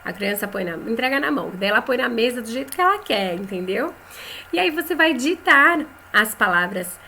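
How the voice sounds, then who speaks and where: A woman's voice: on the high side, lively intonation, bright, forceful tone, slight background noise. Chatty Brazilian woman teaching a lesson. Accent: Brazilian Portuguese. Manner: conversational, tags phrases with "né?"; says example words slowly and clearly.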